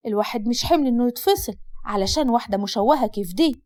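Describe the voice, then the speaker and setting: A woman's voice: a little high, lively intonation, fast, darkish tone, no echo, lightly acted. A woman voicing a mean, mocking schoolgirl bully. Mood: sneering. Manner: sneering.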